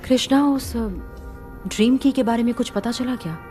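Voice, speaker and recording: A woman's voice: fairly high pitch, moderate pace, mellow, soft background music, natural voice. A woman dubbing a young female exorcist in a Hindi film, direct and urgent.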